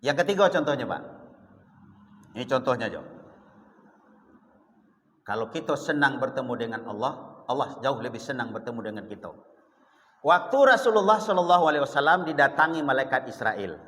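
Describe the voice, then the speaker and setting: A man's voice: medium pitch, big pitch swings, brisk, pauses often, a bit bright. A man preaching a mosque sermon, asking the congregation questions and acting out dialogue. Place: large mosque hall. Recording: long hall reverb.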